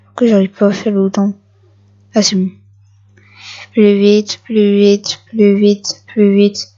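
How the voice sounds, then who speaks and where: A woman giving casual gameplay commentary for her video channel, excitable and repeating short phrases at the game. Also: medium pitch, takes it slowly, muffled recording. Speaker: gaming video creator.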